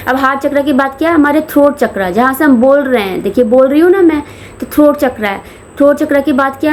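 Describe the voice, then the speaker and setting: High-voiced woman teaching meditation. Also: slight background noise. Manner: mixes Hindi with English phrases, slows for key terms; chants demonstrations mid-explanation. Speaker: spiritual teacher. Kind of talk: explaining meditation to a camera.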